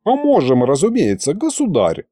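A man's voice: on the high side, huge pitch swings, dark tone, no room sound, studio quality, pitched above the performer's own voice. A man voicing a polite, reasoning horned male archivist at a royal court in an audiobook. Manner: courteous, measured.

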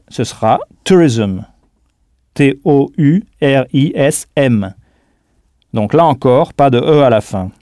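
A man leads a recorded audio language lesson in a mellow, dark-toned voice. He speaks patiently and deliberately, and he spells words out letter by letter. The recording is close and dry. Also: medium pitch, dry recording. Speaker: language teacher.

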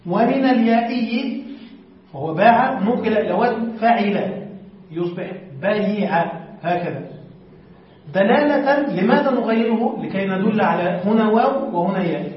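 High-pitched guy teaching a class, reads then explains, asks questions, super echoey and far off, muffled old recording. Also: expressive, normal speed. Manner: reads a text aloud, then explains and quizzes students. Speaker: sheikh teaching Arabic morphology. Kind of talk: classroom lecture. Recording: very echoey, distant, dull lo-fi.

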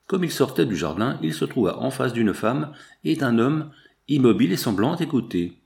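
A man narrating a 19th-century novel in a measured, even reading. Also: mid-range voice, vocal fry. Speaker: audiobook narrator.

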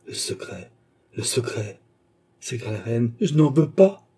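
A man's voice: medium pitch, normal speed, mellow, husky. A man reading an audiobook, voicing a proud young queen who pleads and protests in raised, indignant outbursts.

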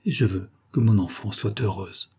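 A man's voice: fairly low pitch, moderate pace, mellow, slightly rough. A man voicing a fervent noble mother. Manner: fervent and insistent. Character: determined aristocratic mother, a marquise.

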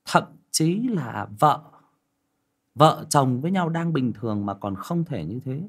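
Animated man telling a story. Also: unhurried, vocal fry, breathy edge. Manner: lively, acts out quoted dialogue with pitch jumps. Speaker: storyteller giving relationship advice. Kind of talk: casual storytelling monologue.

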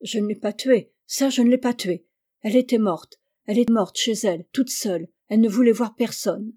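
A woman's voice: a little high, measured pace, mellow, natural voice. A woman reading a story aloud, voicing a frightened middle-aged male village butcher who stammers and pleads. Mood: pleading.

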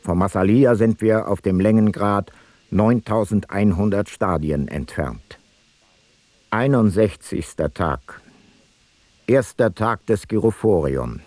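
An actor with a lowish, darkish voice plays an ancient Greek explorer-scholar reading from his logbook. The radio-play narration is measured, factual and matter-of-fact, with no echo.

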